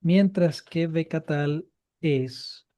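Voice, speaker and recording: A man's voice: fairly high pitch, very slow, mellow. A man teaching a live Biblical Hebrew grammar class, explaining patiently and repeating each key point.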